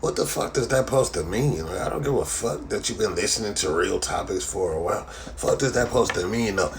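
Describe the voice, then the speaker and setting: A man's voice: lowish voice, lively intonation, brisk, creaky, noisy background. A man hosting a live stream, ranting casually to viewers with heavy swearing and a slang tag repeated at the end of his lines. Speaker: live-stream host reading chat comments. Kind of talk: casual profane rant to viewers.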